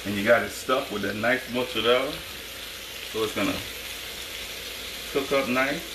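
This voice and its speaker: A man's voice: mid-range voice, moderate pace. A middle-aged man speaking as a cooking show host, talking viewers through each step in short, unscripted phrases with approving asides. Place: home kitchen, indoors. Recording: echoey kitchen, distant mic, sizzling pan noise. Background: frying sizzle and stirring.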